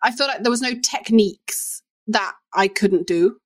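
A woman's voice: mid-range voice, moderate pace, dry recording, clean studio sound. A woman co-hosting a cookbook podcast, chatting in an easygoing, giggly way. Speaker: podcast co-host. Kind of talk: casual chat.

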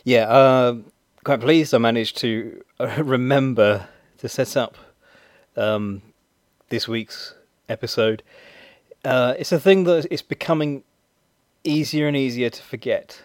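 A man's voice: medium pitch, slow pace, dry recording, clean studio sound. A man hosting a podcast in casual chat, rambling and hesitant with many fillers. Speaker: podcast host.

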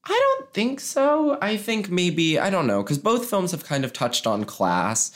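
A woman's voice: on the low side, big pitch swings, a little slow. A woman co-hosting a podcast, chatting casually, laughing often and trailing off with fillers. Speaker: podcast co-host. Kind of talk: casual chat.

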